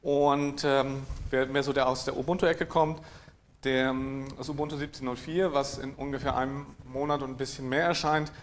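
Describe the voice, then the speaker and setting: Man, conference tech lecture, dry and halting, keeps clearing his throat, mid-pitched, faint room hum behind. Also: level tone. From East Frisia, northern Germany. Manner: hesitant, many fillers, frequent throat clearing, dry. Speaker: conference speaker. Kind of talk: technical conference talk.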